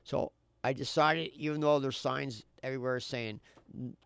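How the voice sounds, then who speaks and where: Man, casual storyteller, emphatic, repeats phrases, creaky yet crisp voice, close and dry. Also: medium pitch, fairly even intonation, normal speed, fairly bright tone, no room sound. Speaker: show co-host.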